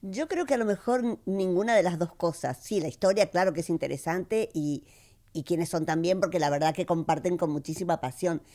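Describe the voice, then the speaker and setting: A woman from Argentina with an Argentine accent, co-hosting a podcast, reflective and quick to laugh. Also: lowish voice, dark tone. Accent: Argentine Spanish. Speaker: podcast co-host. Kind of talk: casual podcast chat. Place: farmhouse among orange trees.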